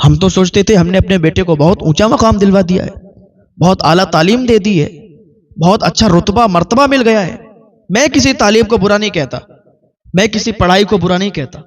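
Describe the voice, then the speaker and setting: A man's voice: sits high, recorded from a distance. A man preaching a sermon, telling a story in an emphatic, repeating, exhorting way.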